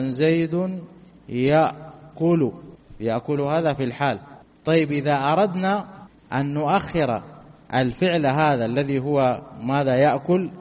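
Man, grammar teacher, somewhat high voice, asks questions then answers, repeats points, muffled lo-fi sound, long hall reverb. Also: darkish tone. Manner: asks the class questions and answers them himself, repeats key phrases. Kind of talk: classroom lesson explaining grammar.

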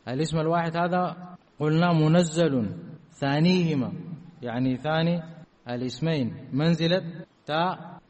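A man giving a classroom grammar lesson. He keeps asking whether his students have understood, and he repeats key words slowly. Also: on the high side, darkish tone, dull audio. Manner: checks understanding with repeated questions. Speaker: grammar teacher.

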